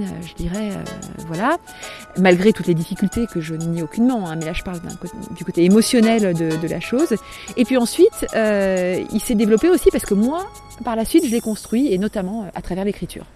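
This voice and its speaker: A woman in her forties tells a personal story as a podcast guest. Her voice is mellow and warm, with a pitch in the middle for a woman. She speaks hesitantly, pausing and restarting often as she searches for words. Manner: hesitant, with frequent pauses and restarts.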